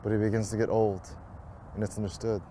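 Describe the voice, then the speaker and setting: Man, rhyming ad narration, measured rhythm, lowish voice, faint street noise. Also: flat delivery, mellow.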